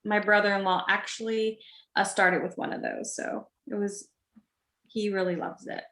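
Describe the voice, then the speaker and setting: A woman's voice: mid-range voice, steady tone, normal speed, fairly bright tone. A woman co-presenting in a casual chat, enthusiastically listing kit contents with many fillers. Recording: echoey room.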